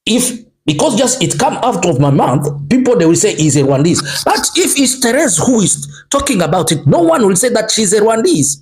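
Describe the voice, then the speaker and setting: A fired-up man delivers an impassioned political monologue, switching between French and English and repeating himself emphatically. His high voice swings widely in pitch, moving at a moderate pace with hardly any pauses.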